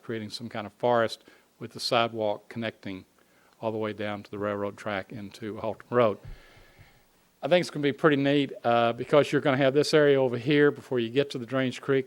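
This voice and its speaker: A man giving an informal spoken report at a city council meeting, pausing often on fillers and restarting phrases. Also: medium pitch. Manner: halting, frequent uh fillers and restarts. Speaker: city staff presenting a construction update to council.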